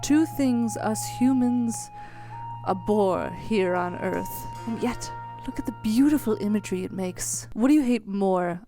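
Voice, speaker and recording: Playful woman host with a mellow voice. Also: medium pitch, unhurried, soft background music. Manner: playful, teasing, over-the-top reactions. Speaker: comedy show host. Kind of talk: comic interview.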